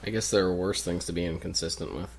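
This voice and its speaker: A man with a lowish voice, joining a gameplay session as guest. He comments in a measured, analytical manner. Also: steady tone, vocal fry, husky.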